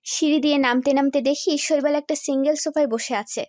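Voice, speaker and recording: A young woman narrates a story in the first person with expressive storytelling. Her voice is high and comes across dry and close to the mic. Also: fairly quick, no room sound.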